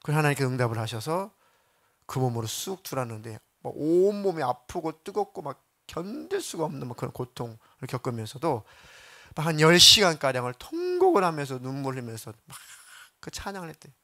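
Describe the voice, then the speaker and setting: A man's voice: on the high side, very animated, a little fast, pushed and bright. A man preaching a sermon as senior pastor, telling stories dramatically and acting out prayers.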